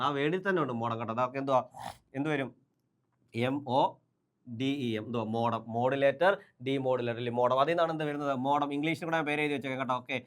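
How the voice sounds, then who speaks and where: Man, exam coaching teacher, rapid-fire delivery, slightly high voice, asks and answers his own questions. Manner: repeats key terms over and over. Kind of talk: online exam-prep lesson.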